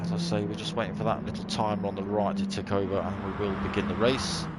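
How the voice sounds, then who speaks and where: Casting: man, lowish voice, chatty motorsport commentator doing running race calls over heavy car noise. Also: fast. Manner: motorsport commentator calling the action in running play-by-play. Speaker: motorsport commentator, livestream host. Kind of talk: live sim-racing commentary, casual and conversational. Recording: loud car engine noise behind the voice. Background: racing game car engines.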